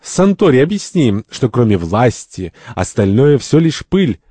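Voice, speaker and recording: A man's voice: medium pitch, sing-song, a little slow, dark tone, husky, no room sound, voice pushed up. A man voicing a scornful, power-hungry male bully in a stage-play reading. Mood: sneering. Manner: sneering, contemptuous.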